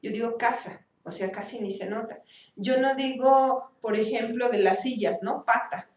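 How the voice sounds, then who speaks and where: A woman's voice: on the high side, moderate pace. A woman teaching a speech therapy class, explaining step by step and acting out sounds with exaggerated articulation. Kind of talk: university class lecture. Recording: echoey room, from a distance.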